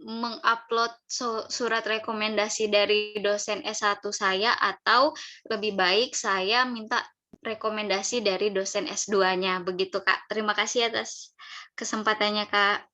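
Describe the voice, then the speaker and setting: A young woman in the audience of an online seminar asks her questions politely and methodically, careful and deferential. Her mid-range voice is flat, unhurried and sharp in tone. She's on a camera-off call, and the video call audio sounds slightly dull.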